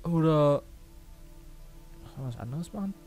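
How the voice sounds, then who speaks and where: A man's voice: fairly high pitch, lively intonation, moderate pace, a little mellow, faint music behind. A man giving casual, jokey let's play commentary, mixing in English slang. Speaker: let's player.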